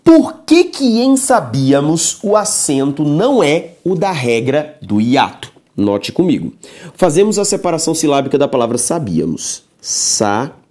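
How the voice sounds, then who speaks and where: A male grammar teacher delivers a recorded lecture with a lively, swooping voice that rises sharply on questions. He is emphatic, keeps checking in with the listener, and breaks words into syllables slowly. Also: a little high.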